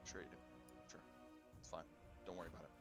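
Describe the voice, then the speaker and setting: A man's voice: very deep voice, little pitch movement, quick pace, a bit bright, faint music behind. A man narrating as game master of a tabletop game, hesitant with many fillers.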